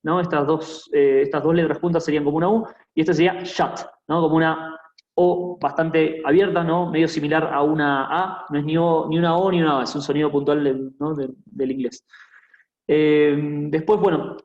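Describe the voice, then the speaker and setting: A man's voice: fairly high pitch, steady tone, fairly quick, a little mellow, roomy sound, highs cut off. A man teaching a basketball coaching clinic in a hesitant lecture style, full of fillers and restarts, often checking in with "¿no?". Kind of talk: online lecture with screen sharing.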